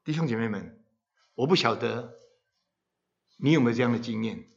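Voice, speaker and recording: A man preaching a sermon to his congregation. He asks questions of his listeners and leans hard on key words, rising loud and then dropping low. The sound is dull and lo-fi. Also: lively intonation, normal speed, creaky. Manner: rhetorical questions to the congregation, dramatic rises in volume. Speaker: pastor. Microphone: handheld microphone.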